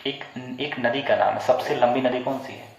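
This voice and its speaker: A man's voice: mid-range voice, fairly even intonation, moderate pace, gravelly, faint music behind. Man teaching in an echoey classroom. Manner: quizzing pupils, spelling words out and repeating them. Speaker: English teacher. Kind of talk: classroom pronunciation lesson. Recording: echoey room, muffled sound.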